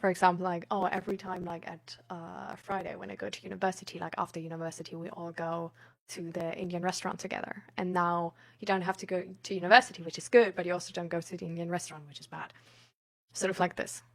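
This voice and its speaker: Her voice is on the low side and gravelly, fast and flat in delivery. As a woman live streamer, she reads her viewers' messages and chats with them casually in a giggly, rambling, hesitant manner.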